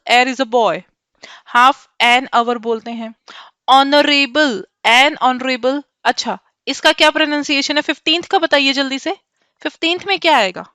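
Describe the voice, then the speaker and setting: A woman's voice: high-pitched, pushed and bright, clear, resonant tone, dry recording, clean studio sound. A woman teacher with an Indian accent, quizzing students by name as she mixes Hindi and English in a lesson. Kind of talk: online class lesson.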